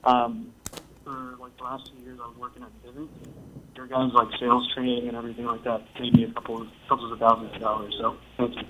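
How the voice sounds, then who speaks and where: A man's voice: mid-range voice, monotone, fast, a little hiss or hum. Young male caller, slangy and easygoing, phone held away, faint, muffled lo-fi line. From New Jersey. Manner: laid-back, slangy, says yo and dude. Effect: phone held away from the mouth, faint and distant. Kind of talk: casual call-in phone chat.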